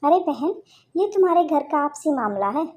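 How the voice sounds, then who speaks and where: A woman doing a nosy middle-aged neighbor lady from a cartoon story, gossiping and prying in a high, mellow voice. She sounds curious and eager for news. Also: big pitch swings, normal speed. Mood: gossipy.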